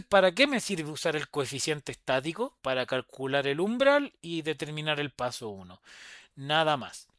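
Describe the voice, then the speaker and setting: A young Chilean man teaching a physics lesson, his voice sitting a little high for a man. He talks in a lively, chatty way and throws in quick asides as he explains. The sound is dry and close, with almost no room around it. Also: no room sound. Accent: Chilean Spanish. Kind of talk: recorded online class lecture.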